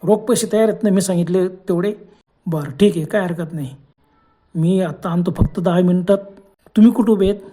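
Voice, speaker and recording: A sly, excitable young schemer from a spoken horror story, as a male narrator puts him on. His voice sits higher and louder than the narrator's own, yet keeps a mellow, dark tone. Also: fairly quick, a little hiss or hum, natural voice. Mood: scheming. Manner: loud, agitated exclamations.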